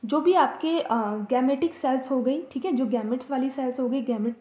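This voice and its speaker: A woman's voice: high voice, normal speed, dark tone. A woman teaching a biology lesson for exam students, asking rhetorical questions and checking in with her listeners often. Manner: explains with rhetorical questions, checks in with "theek hai". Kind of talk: exam-prep biology lecture. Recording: echoey room, dull lo-fi sound.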